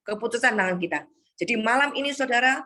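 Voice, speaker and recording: A woman's voice: on the high side, lively intonation, quick pace, pushed and bright. A woman preaching an exhorting sermon to a congregation on a video call, often calling the listeners "Saudara".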